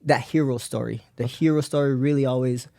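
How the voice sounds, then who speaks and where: A man's voice: medium pitch, steady tone, a little fast, vocal fry, warm tone, no room sound, studio quality. A man raised in Belgium, a podcast guest telling his life story in casual rambling talk with many fillers and frequent laughs.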